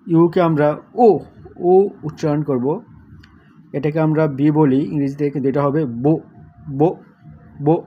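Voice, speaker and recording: Male tutor, mellow voice, sounds one letter at a time, faint hiss behind, muffled recording. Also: on the high side. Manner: spells out letters one by one, comparing with English. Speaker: language teacher. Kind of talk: casual alphabet lesson.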